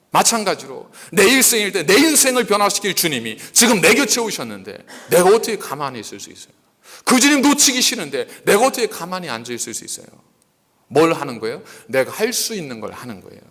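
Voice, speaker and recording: A male pastor preaching a sermon, asking many rhetorical questions in an animated delivery. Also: high voice. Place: church sanctuary. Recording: echoey church hall.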